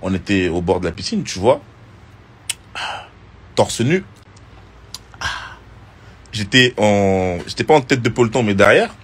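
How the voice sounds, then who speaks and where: Husky low-voiced man chatting casually. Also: unhurried, pauses often. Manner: relaxed and slangy, with many fillers. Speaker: reality TV contestant. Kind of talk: casual social media chat answering viewer questions.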